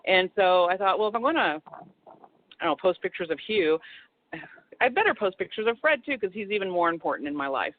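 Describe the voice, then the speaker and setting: A woman's voice: mid-range voice, sing-song, brisk. Chatty woman on a tinny phone line. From Texas. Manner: chatty, rambling with many restarts. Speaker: guest author. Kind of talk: casual phone interview.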